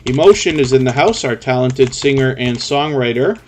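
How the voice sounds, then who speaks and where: A man's voice: mid-range voice, expressive, moderate pace, a little hiss or hum. A man hosting a live stream in a chatty way, explaining things in long, run-on stretches.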